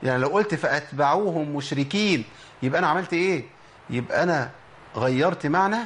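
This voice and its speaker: A man with an Egyptian Arabic accent teaching Quran letter pronunciation, slowly drawing out example words between lively explanations. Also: fairly high pitch. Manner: slow drawn-out demonstration of words, lively explanatory talk.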